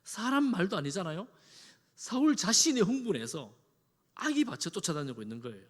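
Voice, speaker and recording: Lively high-voiced pastor in a reverberant hall. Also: male voice, brisk. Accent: Korean. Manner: dramatic, acts out quotes with raised voice. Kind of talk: sermon. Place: large church hall. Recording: long church hall reverb.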